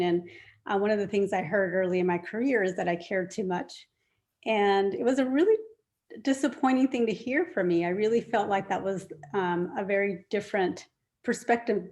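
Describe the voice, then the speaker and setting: Woman, new city official, sincere and halting, lots of "um" and "you know". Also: medium pitch, a little mellow. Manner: earnest, many fillers and restarts. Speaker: incoming director of community development. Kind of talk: informal remarks at a meeting.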